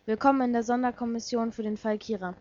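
Woman voicing a young male detective, cool, curt, fairly high voice, dull lo-fi sound. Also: fairly even intonation, fast talker, a little mellow, close to an everyday voice. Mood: blunt. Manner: curt, matter-of-fact questioning. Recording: dull lo-fi recording.

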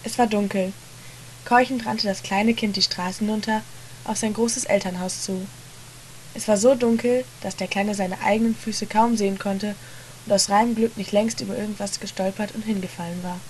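A woman reading a story aloud in a hushed, dramatic narration. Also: medium pitch, steady tone, normal speed, a little hiss or hum. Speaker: reader.

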